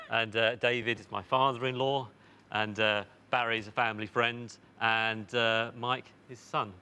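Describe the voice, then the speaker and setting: A man in his forties, a quiz contestant in a TV studio, reasoning out loud with hesitant fillers. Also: medium pitch, little pitch movement, measured pace, smooth. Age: 40s. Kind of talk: thinking aloud on a quiz show. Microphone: lapel mic.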